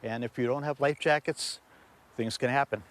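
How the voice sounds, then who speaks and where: A man's voice: mid-range voice, steady tone, normal speed, dry recording. A local man giving earnest, plain warnings in a short street interview.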